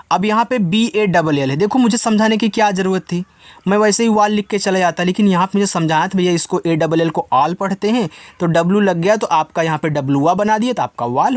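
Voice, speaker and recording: A man's voice: high voice, no echo. A man teaching English spelling and reading, patiently repeating each point and asking his students questions.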